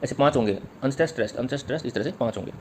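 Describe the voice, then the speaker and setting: A man's voice: medium pitch, very fast, slight background noise. A man teaching literature in an exam-prep lecture. He explains step by step, repeats key points and taps out rhythms aloud. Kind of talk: exam-prep lecture mixing Hindi and English.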